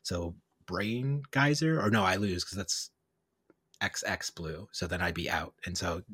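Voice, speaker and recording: A man co-hosting a podcast, talking casually and animatedly, with quick asides and self-corrections. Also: sits low, a bit bright, husky, dry recording, clean studio sound. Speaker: podcast co-host. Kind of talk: casual chat.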